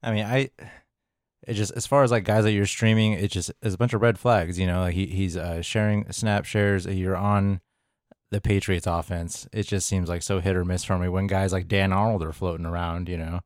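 A man's voice: low voice, fairly even intonation, normal speed, no echo, studio quality. A man co-hosting a fantasy football podcast, talking in an easygoing, joking way with frequent fillers. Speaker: podcast co-host. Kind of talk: casual fantasy football chat.

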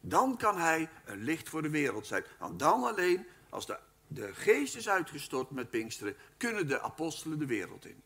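A man giving a Bible teaching lecture at a live event, speaking in an animated, emphatic way and addressing his listeners formally. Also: a little high, normal speed, breathy edge. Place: live talk at a weekend event.

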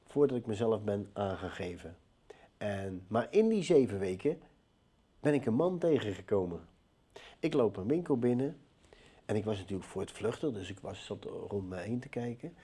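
A man giving a personal testimony in an interview, a lively storyteller who acts out the dialogue. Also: lowish voice, normal speed, slightly rough. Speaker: interview guest telling his life story.

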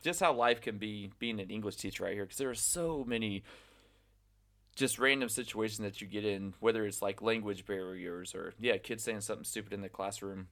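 Laid-back young man, lower voice. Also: brisk, fairly bright tone. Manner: easygoing, laughs often, filler-heavy. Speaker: English teacher in China. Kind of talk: casual chat.

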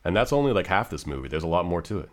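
A man's voice: sits low, sing-song, rapid-fire. A man guesting on a podcast, talking about film in an informal, enthusiastic way. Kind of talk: casual film discussion.

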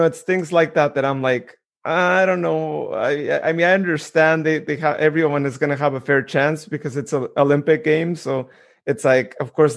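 A man co-hosting a podcast with a fairly high voice. He rambles along casually with lots of fillers and restarts, building his points slowly. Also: creaky. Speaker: podcast co-host.

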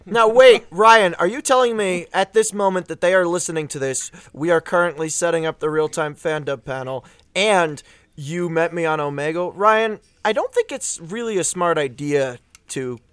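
A man hosting a casual panel chat, joking with quick asides. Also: on the high side, a bit bright, smooth, dry recording. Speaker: panel host.

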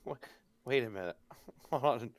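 A man's voice: mid-range voice, expressive, moderate pace, no room sound. A man playing a tabletop game, reacting in casual, joking and incredulous banter. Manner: incredulous, jokey. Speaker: player.

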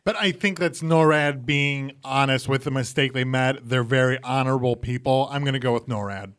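A man co-hosting a podcast, chatting casually and cracking deadpan jokes. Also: medium pitch, normal speed. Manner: jokey, deadpan asides. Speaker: podcast co-host. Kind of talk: casual chat.

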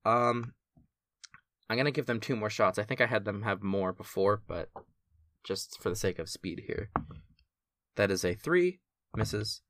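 A man running a tabletop game as game master, calmly narrating action and calling out dice results. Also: fairly low pitch, measured pace, pauses often, no room sound, studio quality. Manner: relaxed, matter-of-fact narration with dice results.

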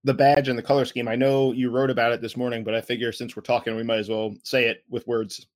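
A young man chatting as a podcast co-host, wry and rambling, with frequent restarts. His voice sits at an ordinary middle pitch, recorded close and completely dry with no room sound. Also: little pitch movement, fast talker, no echo. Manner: rambling, self-correcting, wry. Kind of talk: casual sports podcast chat.

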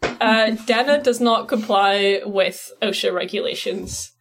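A woman's voice: mid-range voice, a little slow, fairly bright tone, slight background noise. Playful woman podcast host. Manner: playful, rambling summaries. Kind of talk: casual podcast chat.

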